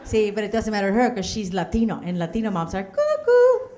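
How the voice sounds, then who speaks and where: A woman's voice: medium pitch, wildly swooping pitch, brisk, mellow. A middle-aged woman from Puerto Rico with a Puerto Rican accent performing a stand-up comedy set, with punchy delivery and Spanish asides. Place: comedy club stage.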